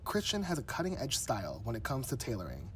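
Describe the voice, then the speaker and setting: A man's voice: medium pitch, wildly swooping pitch, fast, a little hiss or hum. A man narrating a short feature as a reporter, reading a script in an upbeat, promotional tone.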